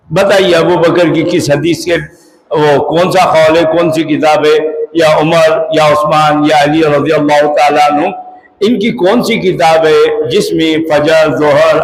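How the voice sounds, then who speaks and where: A man's voice: fairly high pitch, a little hiss or hum. A man with a Hyderabadi Urdu accent giving a religious lecture on Islamic law in a mosque, talking conversationally and quizzing his listeners. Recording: echoey hall.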